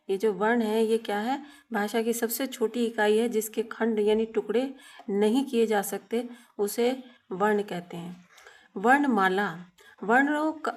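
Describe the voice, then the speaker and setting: A woman teaching a class in a slow, unhurried way. Her voice sits a little high. She poses questions to the children, answers them herself, and stretches out each sound as she explains. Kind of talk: classroom grammar lesson.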